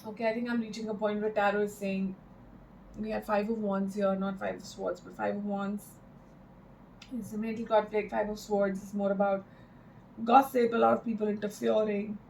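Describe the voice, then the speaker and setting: A woman giving an improvised, mystical horoscope tarot reading in a halting, reflective way, repeating phrases for emphasis. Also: mid-range voice, little pitch movement, gravelly, darkish tone, slight background noise, poor audio. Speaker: tarot card reader.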